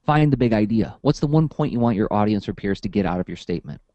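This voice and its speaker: Animated, verbose man on a dull recording. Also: lowish voice, quick pace, dry recording. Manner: animated and verbose, acts out quotes. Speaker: comics artist and workshop teacher. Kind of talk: casual conversation, storytelling.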